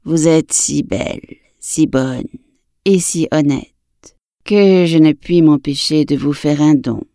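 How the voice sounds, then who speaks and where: A gentle fairy in the guise of a poor old village woman, as a woman reads her aloud, speaking in a low, unhurried hush from a storybook. The voice sits deep and mellow, recorded close and dry. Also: no echo. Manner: slow, soft and measured. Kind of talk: storybook reading.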